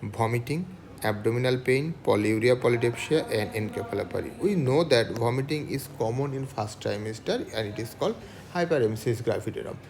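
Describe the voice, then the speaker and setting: Man, gravelly voice, teaching a medical case, faint noise behind. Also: mid-range voice, animated, a little fast, darkish tone. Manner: asks questions then answers, lists items. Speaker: medical lecturer. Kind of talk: clinical case lecture.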